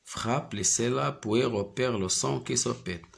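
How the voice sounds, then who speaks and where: A man teaching a phonics lesson to young pupils, repeating each word slowly and clearly. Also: medium pitch. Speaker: primary school teacher.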